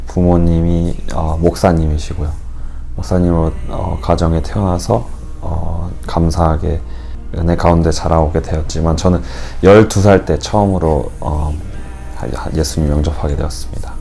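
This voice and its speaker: Very deep earnest young man. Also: steady tone, moderate pace, creaky, mellow, faint music behind. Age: 20s. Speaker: student interviewee. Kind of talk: interview answers.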